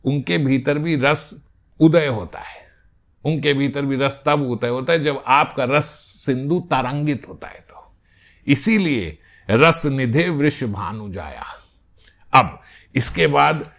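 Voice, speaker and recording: A man giving a devotional scripture discourse, explaining a story and reciting verses slowly. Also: mid-range voice, gravelly, a bit bright. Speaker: spiritual discourse speaker.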